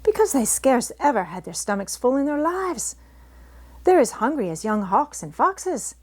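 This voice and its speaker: A woman's voice: high voice, sing-song, moderate pace, darkish tone, voice pushed up. A woman voicing a good-tempered, outspoken young housemaid who rattles on in homely dialect for a storybook. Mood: indignant, outspoken. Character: good-tempered, chatty young Yorkshire housemaid, plain-spoken country girl.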